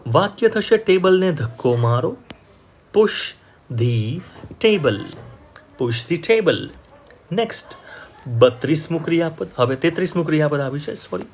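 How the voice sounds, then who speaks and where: A man with a Gujarati accent teaching English vocabulary, slowly repeating each word and example sentence. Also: a little high, slight background noise.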